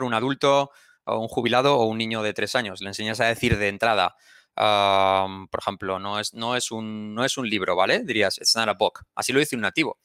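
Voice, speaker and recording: A man's voice: fairly low pitch, pushed and bright, dry recording, clean studio sound. A man, an interview guest explaining a teaching method and demonstrating English phrases.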